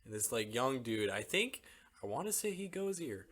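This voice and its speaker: A man's voice: mid-range voice, sing-song, moderate pace, fairly bright tone. A young man co-hosting a casual podcast, telling rambling stories with plenty of filler. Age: young adult. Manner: rambling storyteller, drops into quoted voices. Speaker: podcast co-host. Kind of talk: casual chat.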